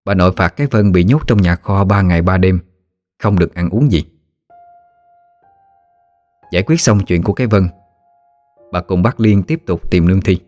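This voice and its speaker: Low-voiced male storyteller. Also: moderate pace, pauses often, darkish tone, dry recording, faint music behind. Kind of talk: scripted ghost story narration.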